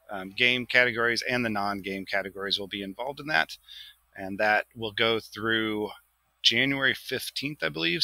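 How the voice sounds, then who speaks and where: A man guesting on a podcast as an awards organizer, laying out the schedule in a matter-of-fact, steady way. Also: mid-range voice, no room sound, low-quality recording. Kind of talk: podcast interview, explaining.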